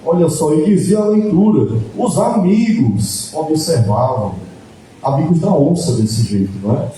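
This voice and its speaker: Dark-voiced priest preaching in an echoing church. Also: male voice, fairly high pitch, lively intonation, a little hiss or hum. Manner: storytelling preacher, emphatic, slows to stress points. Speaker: parish priest. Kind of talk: sermon. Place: large church at a festival mass. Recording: very echoey church hall.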